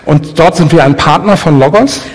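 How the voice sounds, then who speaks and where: A man interpreting a sermon live, rephrasing quickly with some hesitation. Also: on the high side. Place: church hall. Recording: long church hall reverb.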